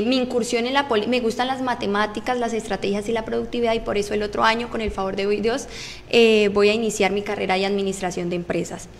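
A woman's voice: mid-range voice, vocal fry. Young woman, earnest formal answers, desk mic, faint hum. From Colombia. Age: 20s. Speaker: council candidate. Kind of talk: interview answers. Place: small radio studio.

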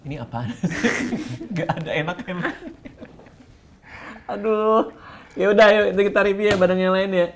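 A man's voice: sits high, measured pace, background noise. A man in his thirties hosting a vlog, chatting casually in a playful, teasing way and laughing often. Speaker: vlog host.

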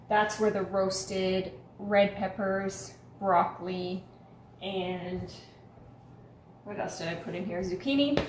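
A woman's voice: medium pitch, slight background noise. A woman in her thirties chatting to camera at home about her day, upbeat and talkative. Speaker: vlogger. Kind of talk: casual vlog chat to camera. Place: home kitchen and living room indoors. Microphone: camera on a stand in front of her. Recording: echoey home room.

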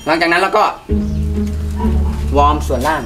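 A man's voice: a little high, moderate pace, natural voice. A young man playing a friend who coaches a village girl in singing, giving orders in a bossy, pushy way. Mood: bossy, urging. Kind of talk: short drama acting. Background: loud music.

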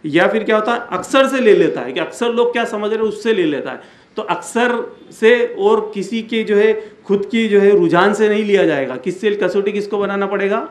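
A man delivers a religious lecture in a fairly high voice. He explains patiently, circling back over each point and slowing down to recite Arabic verses. The recording has a roomy echo around him. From India. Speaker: Islamic speaker and founder of an education center. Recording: echoey room.

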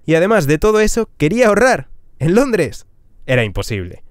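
A man's voice: high voice, a little fast, no echo. Man telling his story, dry sound. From Spain. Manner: lively, punchy storytelling with rhetorical questions. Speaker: travel vlogger. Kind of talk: storytelling monologue. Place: small camper van interior. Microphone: podcast mic on a stand.

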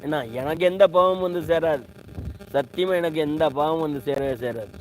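A man rants on a livestream from home, indignant, repeating himself and demanding answers from his viewers. His voice sits a bit high, and a faint hum runs under the recording. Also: fairly quick, low-quality recording. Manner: indignant, repetitive, rhetorical questions. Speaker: live streamer. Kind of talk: heated livestream rant.

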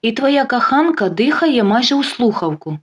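Жінка озвучує спокійну, гостру на язик дружину, яка сухо й насмішливо відповідає чоловікові. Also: female voice, a little high, sing-song, husky, voice pushed up. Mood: dry. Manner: dry, mocking, unhurried. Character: calm, sharp-tongued wife getting even.

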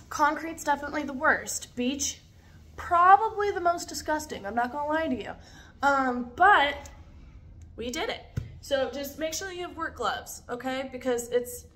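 A woman's voice: high-pitched, a bit bright. A young woman vlogging casually, chatty and blunt, swearing freely as she talks. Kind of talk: casual packing vlog.

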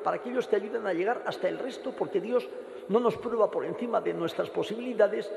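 A man's voice: high voice, brisk, vocal fry, a little mellow. A middle-aged man with a Castilian Spanish accent speaks as a priest, preaching and praying directly to the congregation at a lectern microphone. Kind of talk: homily and liturgical prayer. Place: large stone church, indoors. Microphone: gooseneck lectern microphone. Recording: echoey cathedral with long reverb.

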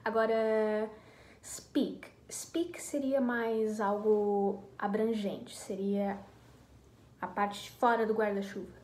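A woman's voice: medium pitch, steady tone, takes it slowly, darkish tone. A woman with a Brazilian Portuguese accent, casually explaining English verbs in a chatty, hesitant way as an online teacher. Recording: echoey room with faint noise.

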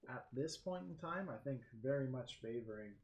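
A man commentating a strategy game match, lively play-by-play that jumps up in excitement. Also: medium pitch, normal speed, lo-fi sound. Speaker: game caster. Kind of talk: esports commentary. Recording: echoey room with faint background noise.

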